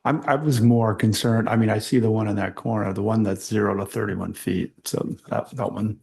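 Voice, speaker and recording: A man's voice: lowish voice, fairly even intonation, moderate pace, creaky, darkish tone, a little hiss or hum. A man on a remote board meeting asking brief, hesitant questions.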